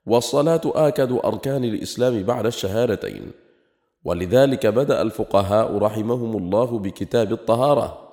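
A man reading a scholarly text aloud in a measured, explanatory way, at times slightly sing-song. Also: mid-range voice, warm tone. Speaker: reader. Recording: long hall reverb.

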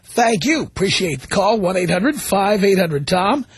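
On a call-in talk radio show, a man teases his callers and talks bluntly in a chatty studio manner, using a studio microphone with no echo. His high-pitched voice swings widely in pitch, is slightly rough, and moves a little slowly.

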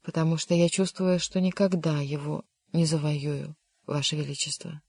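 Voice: mid-range voice, flat delivery, moderate pace, gravelly, a little mellow, slightly rough, no room sound, studio quality. A reader voicing a melancholy, lovesick young nobleman in an audiobook, earnest and bitter. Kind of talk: audiobook character reading.

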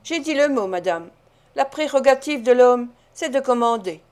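A woman's voice: a little high, lively intonation, normal speed, darkish tone, lightly acted. Woman reader as pompous blustering male official, lordly tone, audiobook. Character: pompous self-important male parish beadle.

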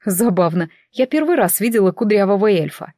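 A woman narrating a fantasy novel in the first person in an even storytelling manner. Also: medium pitch, fairly quick, no echo, studio quality. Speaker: audiobook narrator.

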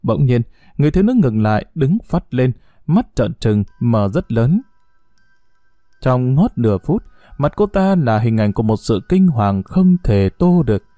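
A man narrating a novel in an expressive, dramatic audiobook reading. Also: mid-range voice, a little slow, no echo, clean studio sound, faint music behind.

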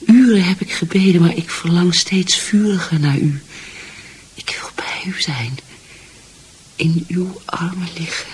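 In a radio drama, an actress plays a married mother who is distraught and lovesick, pleading and frequently dropping almost to a whisper. Her voice is on the low side, husky and unhurried.

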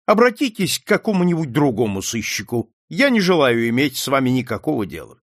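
A man's voice: medium pitch, wildly swooping pitch, fairly quick, no echo. A man playing a stern composed detective. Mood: firm. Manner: dry, firm, sometimes gentle. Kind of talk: audiobook character reading.

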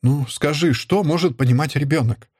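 A fretful, gentle mother, pleading and soothing by turns, as a male narrator puts her on in a raised voice. Her voice stays husky. The recording is close and dry. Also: on the high side, moderate pace, no echo, voice pushed up.

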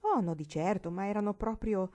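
A woman's voice: medium pitch, fairly quick, darkish tone, close to an everyday voice. A woman reading a storybook, voicing a blunt, jovial middle-aged uncle in an amused, teasing manner.

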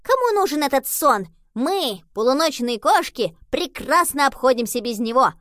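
A woman voicing a cheeky, boastful young male cat in a children's audiobook, brash and excited. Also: high voice, normal speed, dry recording, clean studio sound, pitched above the performer's own voice.

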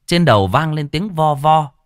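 Animated male storyteller. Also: a little high, moderate pace, no echo, studio quality. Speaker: narrator. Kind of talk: ghost story narration.

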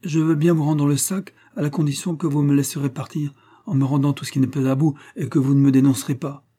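A sly, wheedling pickpocket who bargains in a hurry, played by a man in an audiobook. The voice is pitched up and rushed. Its tone stays husky and dark. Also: level tone. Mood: bargaining. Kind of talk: audiobook reading.

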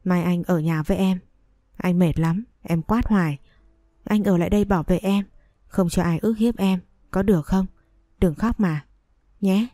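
A woman narrator gives voice to a feverish young husband begging forgiveness in a storybook reading. He speaks softly and pleadingly in a low, warm voice, recorded dry and close. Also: normal speed, pauses often, no room sound, lightly acted. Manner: soft pleading. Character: sick remorseful young man pleading with wife.

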